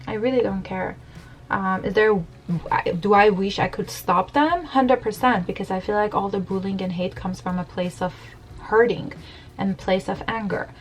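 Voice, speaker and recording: A woman's voice: mid-range voice, fairly even intonation, moderate pace, rough recording. A woman in her thirties from Iran, chatting candidly with many fillers as she does her makeup for a question-and-answer video, filmed in her bedroom at home by a camera on the desk. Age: 30s. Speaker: beauty blogger. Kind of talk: get-ready-with-me Q&A chat. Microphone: camera at desk distance.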